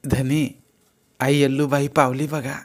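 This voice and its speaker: A man voicing a shy young village wife with a rural Marathi accent, speaking softly. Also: mid-range voice, flat delivery, slow pace, voice pushed up.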